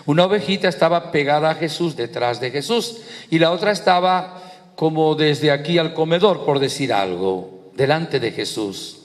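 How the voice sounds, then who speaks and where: Venezuelan priest preaching in a reverberant hall. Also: male voice, on the high side, moderate pace. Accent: Venezuelan Spanish. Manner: lively storytelling preacher, rising on repeated phrases. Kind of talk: sermon.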